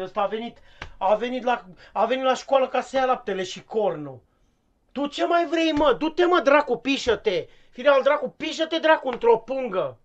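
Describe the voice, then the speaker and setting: Guy doing a clueless cussing english teacher, scolds and stammers, muffled lo-fi stream sound. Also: very high-pitched. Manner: scolding, cursing, stumbling over words. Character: clueless foul-mouthed male English teacher, impatient. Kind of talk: comic live-stream sketch.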